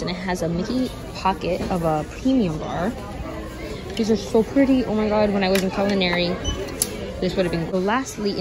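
A young woman with a mid-range voice vlogs casually while walking through an indoor store, chatting, listing prices, and gushing over items. She films on a handheld phone camera, and the low-quality audio picks up the crowd chatter of the busy shop.

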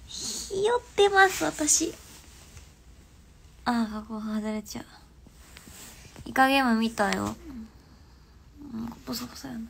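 A young woman with a stuffy nose, chatting casually on a phone livestream and often dropping into soft half-whispers. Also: medium pitch, a little hiss or hum. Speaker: livestream host.

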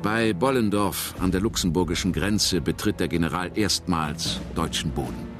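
Deep-voiced male documentary narrator. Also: moderate pace, over loud music. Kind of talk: scripted historical documentary narration.

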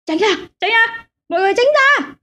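A woman voicing a panicked male cart driver yelling frantic warnings in a storybook tale. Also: extremely high pitch, lively intonation, fairly quick, voice pushed up, full character voice. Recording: dull lo-fi audio.

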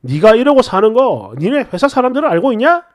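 A woman's voice: a little high, very animated, a little fast, no echo, studio quality. A woman voicing an irritated young husband who talks bluntly and coldly. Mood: gruff. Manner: gruff, scolding, sighing.

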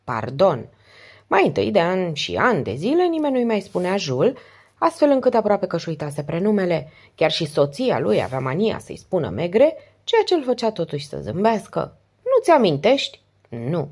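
Woman reading an audiobook, low voice. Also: breathy edge. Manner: steady, expressive reading. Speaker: audiobook narrator. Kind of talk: audiobook narration.

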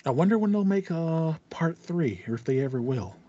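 A man in his thirties co-hosts a podcast, chatting casually about video games at a moderate pace, very animated, in a fairly high voice with a dark tone. He rambles excitedly and repeats phrases. Audio comes through a headset on a video call from a small room with acoustic foam, sounding slightly muffled.

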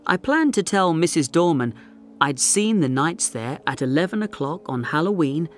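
A man narrating a story slowly and clearly for English learners. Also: fairly high pitch, sing-song, slight background noise. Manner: slow, deliberate, clearly articulated.

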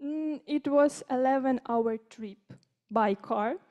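Her voice sits high and she takes her time, captured with lo-fi sound. The speaker is a fifteen-year-old native Ukrainian girl with a Ukrainian accent, delivering a friendly, casual conference presentation as a youth speaker to people seated in a conference room.

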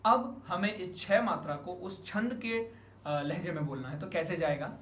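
A man's voice: high-pitched, a little slow, a bit bright. A man teaching a music lesson step by step, counting beats aloud, stressing the first of each group and mixing in English words. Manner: explains in Hindi mixed with English words. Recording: echoey room with audible noise.

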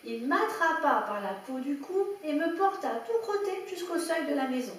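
A woman storyteller reading a children's picture book aloud with lively expression. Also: high-pitched, normal speed. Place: indoor room at a public story reading. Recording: echoey room, heard from a distance, faint background ambience.

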